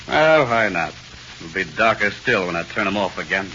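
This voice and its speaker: Hard-boiled male jailer, taunting drawl, low, 1940s radio acting, hissy recording. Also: expressive, moderate pace, dull audio. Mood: mocking.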